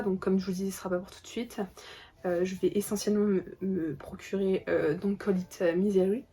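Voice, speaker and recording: A woman's voice: medium pitch, a little mellow. A young woman in a casual vlog, chatting about upcoming books and manga with lots of hesitations and restarts. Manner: chatty, many filler "euh"s and restarts. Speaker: book and manga YouTuber. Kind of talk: casual vlog book review.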